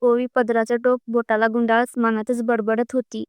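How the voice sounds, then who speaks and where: A woman narrating a storybook tale in a steady, even reading. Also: fairly high pitch, normal speed, smooth, dry recording, clean studio sound.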